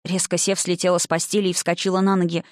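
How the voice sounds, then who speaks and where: A woman narrating a first-person novel in an expressive, emotional reading voice. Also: lowish voice, quick pace, dry recording, studio quality. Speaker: audiobook narrator.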